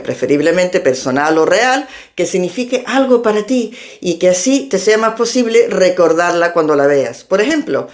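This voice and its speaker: Lively-voiced woman teaching a language lesson. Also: lowish voice. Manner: clear, step-by-step instructive delivery. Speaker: English teacher and linguist.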